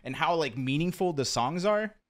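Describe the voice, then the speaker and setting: A man from Brazil, raised in rural Pennsylvania, speaking as a podcast guest in a relaxed, rambling way full of "like.". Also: on the high side, moderate pace. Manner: relaxed, rambling, heavy use of "like". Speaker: podcast guest, former musician. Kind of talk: casual podcast chat.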